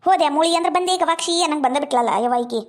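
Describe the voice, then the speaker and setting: A woman with a North Karnataka Kannada accent, performing lively, scolding village banter in a comedy skit. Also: high-pitched, racing.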